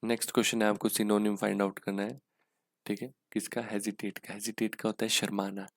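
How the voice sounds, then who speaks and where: A man's voice: fairly low pitch, level tone, a little fast, gravelly, no room sound. A man with an Indian accent teaching an exam-prep English lesson in Hindi, checking in with "theek hai" as he explains each answer. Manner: explains in Hindi with English terms, frequent "ठीक है".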